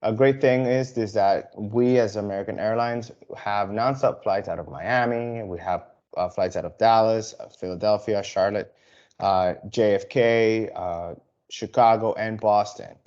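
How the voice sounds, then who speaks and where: A man from the Dominican Republic giving an airline sales webinar over a video call, halting and full of fillers and restarts. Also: lowish voice, steady tone, darkish tone, highs cut off. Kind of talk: webinar presentation.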